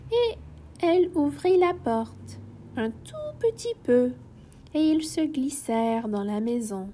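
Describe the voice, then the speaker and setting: A woman reading a children's storybook aloud in a gentle, expressive way. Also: high-pitched, takes it slowly, a little hiss or hum.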